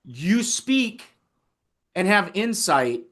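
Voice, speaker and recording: This American man hosts a podcast with a high, fairly bright voice, drawing out his words in a sing-song way. His interview chat is casual and full of enthusiasm.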